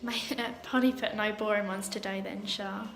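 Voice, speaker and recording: A woman's voice: medium pitch, steady tone, normal speed, gravelly, fairly bright tone, reverberant. A woman sitting as a client, giggling and reading viewer comments aloud.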